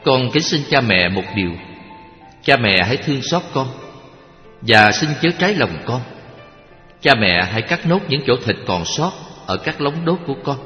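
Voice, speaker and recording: A man voicing a devoted, self-sacrificing young prince in a gentle, earnest recitation. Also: mid-range voice, big pitch swings, moderate pace, highs cut off, close to an everyday voice. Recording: echoey hall with faint music.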